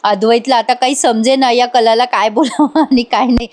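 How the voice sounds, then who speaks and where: A woman's voice: on the high side, fairly even intonation, normal speed, a little mellow, slight background noise. A woman narrating a casual, chatty recap of a TV serial episode as a voice-over, talking straight to viewers. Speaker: TV serial reviewer.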